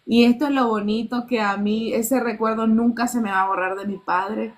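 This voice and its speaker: A Nicaraguan woman in her thirties, appearing as a guest, shares a personal testimony earnestly and acts out the dialogue she quotes. Her voice is fairly high, with fairly even intonation and a normal speed.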